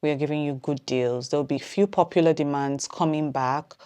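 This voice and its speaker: A woman's voice: low voice, steady tone, warm tone, clear, resonant tone. A woman who owns a small business, giving casual vlog advice and thinking aloud with plenty of ums. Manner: says she is talking fast.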